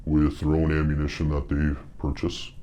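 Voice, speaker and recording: An anonymous male police officer and training instructor, speaking in an interview through a disguised, very deep voice, halting and earnest with fillers. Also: completely flat delivery, warm tone, a little hiss or hum. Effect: voice disguised, pitched very deep.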